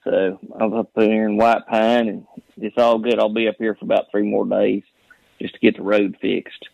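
A man with a Southern Appalachian accent talks over a dull phone connection, chatting in a folksy, rambling storyteller's drawl. His voice is gravelly and sits close and dry, with a mid-range pitch. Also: little pitch movement, normal speed, darkish tone, no room sound. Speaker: phone-in caller. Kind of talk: casual chat. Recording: dull, band-limited phone call.

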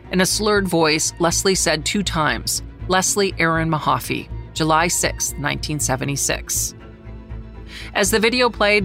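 A middle-aged journalist narrating a true-crime story in a measured, somber way, slowing down on the grave details. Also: medium pitch, pushed and bright. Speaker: journalist who covered the trial, narrating.

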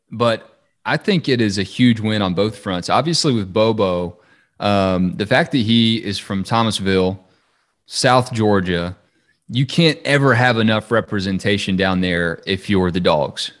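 A man's voice: fairly low pitch, unhurried, fairly bright tone. A man co-hosting a sports podcast, talking football in a chatty, upbeat, casual way.

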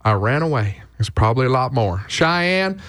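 A Canadian man hosting a radio morning show, upbeat and playfully teasing, with lively contest promo delivery. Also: mid-range voice, normal speed. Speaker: radio host. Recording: music playing behind the voice. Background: music.

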